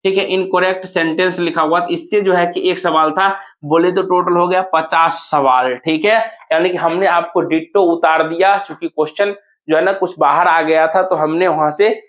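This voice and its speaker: A man with a high voice and a Bihari Hindi accent teaches an exam-prep lesson while promoting his coaching course. He asks himself questions and answers them. He slows down to repeat the key words. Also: steady tone, fairly bright tone.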